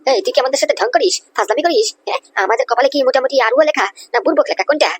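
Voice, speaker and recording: A woman voicing a hot-headed male wedding guard in a Bengali animated comedy, blustering threats. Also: mid-range voice, very fast, gravelly, breathy edge, dry recording.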